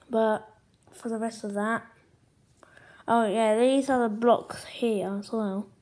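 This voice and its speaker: A young girl vlogging in a rambling, halting way, talking with her fingers in her mouth. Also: on the high side, expressive, darkish tone. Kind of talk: casual vlog.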